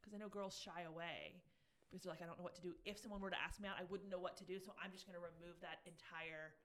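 Woman, earnest and thoughtful, kinda low voice. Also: fairly even intonation, fast, fairly bright tone. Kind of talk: casual chat.

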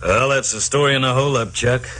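An actor playing an earnest, methodical police lieutenant in an old radio crime drama. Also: male voice, mid-range voice, a little fast, bright, forceful tone, a little hiss or hum, lightly acted. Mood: businesslike.

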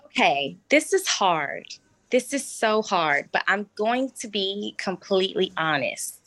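A woman in her thirties, a cabaret singer, chatting as an interview guest in a bubbly, animated way with frequent laughs. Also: mid-range voice, unhurried, no echo. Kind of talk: casual interview chat.

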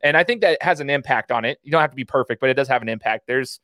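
A man's voice: mid-range voice, very fast, a bit bright, no room sound, studio quality. A man hosting a casual interview podcast, chatting in an enthusiastic, rambling way. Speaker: podcast host.

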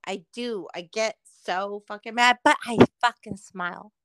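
Bright-voiced, foul-mouthed woman co-host. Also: mid-range voice, moderate pace, clear, resonant tone, no echo, rough recording. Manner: profane, animated storytelling. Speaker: podcast co-host. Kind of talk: casual chat.

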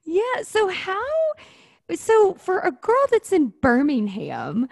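Bubbly woman podcast host, lively voice. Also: very high-pitched, takes it slowly, creaky, dry recording, studio quality. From US South. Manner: upbeat, bubbly, laughs often. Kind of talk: casual interview chat.

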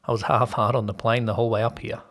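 A man voicing a relaxed, teasing young man, speaking in a low-key, casual way. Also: quick pace, lightly acted.

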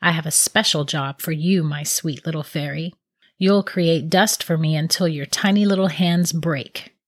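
A wicked dark witch gloats over her captive, her words slow and menacing. A woman reads her, her voice sitting low and dry, close to the mic with no room around it. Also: dry recording. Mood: gloating. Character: wicked cackling female dark witch, cruel.

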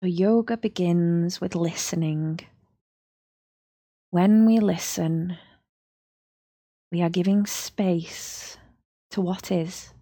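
A woman, a yoga teacher leading a slow, soothing guided body-scan relaxation. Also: lowish voice, mellow, breathy edge, no room sound, clean studio sound.

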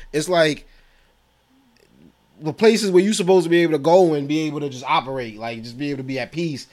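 A man co-hosting a podcast, telling animated, slangy stories and laughing often, in casual chat. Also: a little high. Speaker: podcast co-host.

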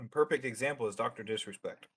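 This streamer guest has a medium-pitched, expressive voice at normal speed, sharp in tone with a breathy edge. In a casual interview, he's outspoken and opinionated, speaking bluntly with heavy swearing and fillers.

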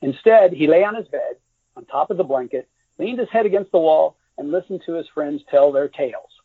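A man reading a chapter of his own novel in a steady, measured narration. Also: a little high, breathy edge, no echo. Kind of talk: scripted narration. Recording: dry, tinny phone-like audio.

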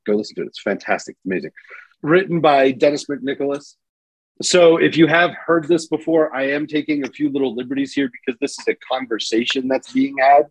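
A man co-hosting a podcast, talking in a relaxed conversational storytelling register. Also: medium pitch, poor audio. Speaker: podcast co-host. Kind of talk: casual chat and dramatic story reading.

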